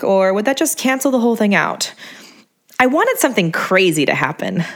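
A woman narrating her memoir in a wry, self-mocking tone. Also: mid-range voice.

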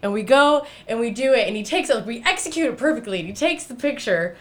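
A woman's voice: a little high, expressive, fast talker, a bit bright. Laughing woman telling a casual story. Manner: laughing, swearing, lots of fillers. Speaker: podcast guest, lead singer. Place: small hot studio room.

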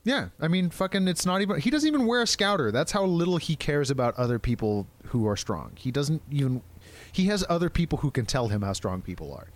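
A man co-hosting a podcast in casual chat, excited and swearing freely, with quick asides. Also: on the high side. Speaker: podcast co-host.

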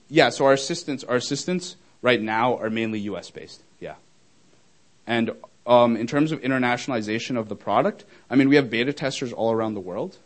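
Chatty young man fielding audience questions. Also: lowish voice. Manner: friendly, chatty, laughs easily, many fillers. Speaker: startup founder presenting to users. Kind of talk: casual Q&A presentation.

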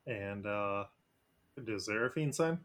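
A man narrating as game master of a tabletop game, speaking in a relaxed way with frequent fillers. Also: lowish voice, slow pace.

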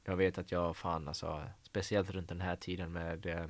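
A young man, an actor guest, telling stories in a casual interview, animated and swearing casually. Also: deep voice, no room sound. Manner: animated, acts out quoted dialogue, swears casually.

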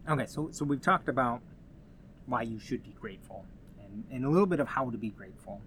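A man's voice: medium pitch, animated, a little fast, a bit bright, a little hiss or hum. A man giving casual motivational advice as a host, earnest and encouraging in a conversational way.

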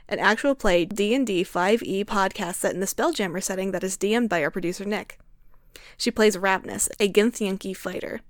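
A woman's voice: medium pitch, dry recording, clean studio sound. A woman host and game master, reading friendly, upbeat credits and promos for her actual-play podcast.

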